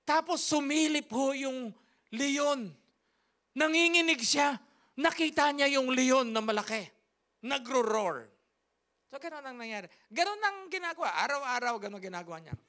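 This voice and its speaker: A woman's voice: high voice, expressive, moderate pace, a bit bright. A woman pastor, telling a story in a sermon with emphatic, repetitive, rhythmic phrasing. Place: church service.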